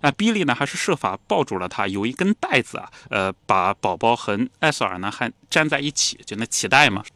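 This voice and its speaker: A man hosting a podcast, retelling a novel in an animated, storytelling chat. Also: medium pitch, a little fast, hardly any pauses, no room sound. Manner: animated storyteller, acts out lines. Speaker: podcast host.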